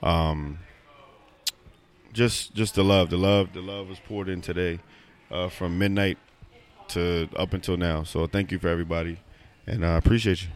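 A very deep-voiced man in his thirties hosting a laid-back podcast. He rambles and restarts, breaks into laughter often, and talks loudly and playfully. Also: fairly even intonation, moderate pace, pauses often. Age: 30s. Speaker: podcast co-host. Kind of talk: casual chat.

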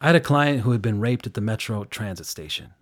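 A man's voice: lowish voice, expressive, fast, no echo, studio quality. A man working as a victim advocate, earnestly recounting a case in detail during an interview. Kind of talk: interview storytelling.

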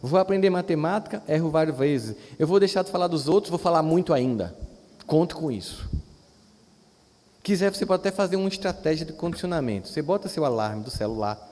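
A middle-aged man from Brazil giving a lively, joking lecture and putting questions straight to his audience. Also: a little high. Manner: animated, jokey, talks straight to the audience with questions. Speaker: speaker giving a spiritual self-help lecture. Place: large hall. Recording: live lecture in a reverberant hall.

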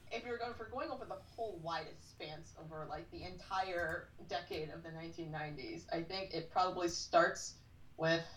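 Chatty woman in her 40s, lowish voice, sounds far off in an echoey room. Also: moderate pace, slight background noise. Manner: chatty storyteller, frequent "like". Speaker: podcast guest. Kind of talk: casual chat. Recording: roomy, distant from mic.

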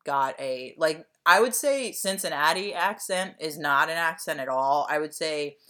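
A woman with a softened Delaware County accent chatting casually, rambling with many fillers. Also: low voice, expressive, unhurried. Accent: Delaware County, Pennsylvania, softened. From Delaware County, Pennsylvania. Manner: rambling, full of "like" and "um". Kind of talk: casual chat.

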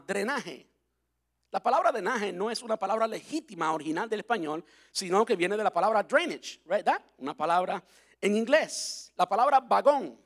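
Man, pastor, chatty sermon, spells out words, high voice. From Cuba.

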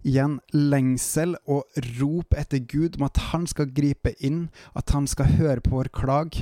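Calm Norwegian man reading scripture. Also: a little high, no echo, clean studio sound. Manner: calm, measured reading with short reflective asides. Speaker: Bible reader and preacher. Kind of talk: Bible reading with devotional commentary.

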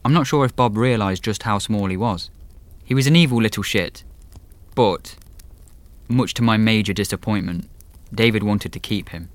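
A wry man in his late twenties, acted by a male narrator, tells a first-person horror podcast tale. He is conversational and dry, with a slightly low pitch. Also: normal speed, dry recording, lightly acted. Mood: wry, reflective. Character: Rob, wry sardonic twenty-nine-year-old man telling his story.

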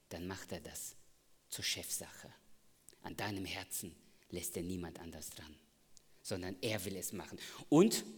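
A middle-aged man preaching a sermon, swinging between loud emphatic passages and hushed near-whispers, asking his listeners direct rhetorical questions. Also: on the low side, breathy edge. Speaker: pastor. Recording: long hall reverb.

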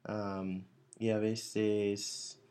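A man's voice: on the low side, flat delivery, very slow, mellow. A man whose first language is English, hosting a casual interview in Spanish, often repeating words and restarting as he searches for them. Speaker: host.

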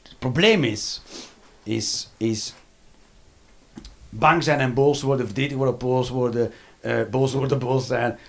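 A man performing a stand-up comedy routine. He swings between loud outbursts and low muttering, and he swears. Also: measured pace, vocal fry, long pauses.

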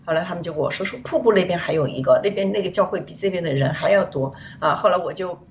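A woman's voice: expressive, quick pace. A woman from China, a guest on a show, giving a rambling, earnest personal testimony of faith over a remote call. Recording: distant, dull, faint rumble.

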